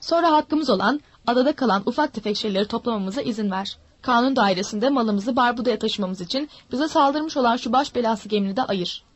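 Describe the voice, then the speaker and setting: A woman voicing a sly, menacing old male pirate who coaxes and threatens smoothly. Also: on the high side, fairly quick, few pauses, no room sound, muffled recording, natural voice. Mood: sly coaxing. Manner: smooth-talking, mocking threats.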